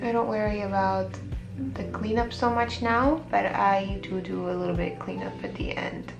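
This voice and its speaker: A woman talking through a makeup tutorial in a relaxed, chatty way, explaining each step as she goes, her voice a little worn. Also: mid-range voice, normal speed, gravelly, echoey room, music in the background. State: slightly losing her voice. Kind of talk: casual beauty tutorial talk.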